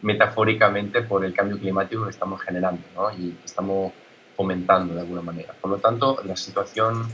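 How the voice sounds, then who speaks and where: An Italian man, a native Italian speaker, giving a conference talk as a guest speaker, halting, with many fillers and restarts. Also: low-pitched, fairly even intonation, fairly bright tone, slight background noise, rough recording. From Italy.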